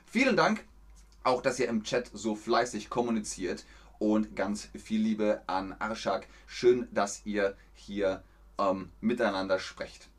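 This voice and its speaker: A man hosting a live language lesson, articulating in crisp, emphatic stage German. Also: on the low side, slow pace. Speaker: host teaching a livestream language lesson. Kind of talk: live lesson, talking with chat.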